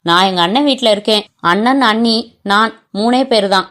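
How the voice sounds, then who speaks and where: A woman's voice: medium pitch, normal speed, a bit bright, natural voice. A woman voicing an earnest, remorseful young man who speaks humbly, apologetically and politely in a storybook reading. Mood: remorseful, pleading. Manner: apologetic, pleading, respectful.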